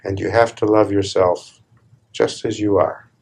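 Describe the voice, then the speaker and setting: A male spiritual teacher leads a guided meditation with a lowish, gravelly, husky voice. He is calm and deliberate, pausing in measured ways between his short phrases.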